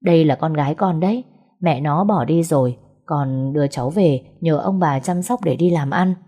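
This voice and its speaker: A woman's voice: sits low, normal speed, mellow. A woman voicing a teasing young man. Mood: easygoing. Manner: casual, joking.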